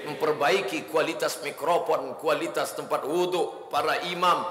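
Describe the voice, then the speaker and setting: A man preaching a sermon in a lively storytelling way, with humor and chanted Arabic phrases. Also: fairly high pitch, moderate pace. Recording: echoey hall.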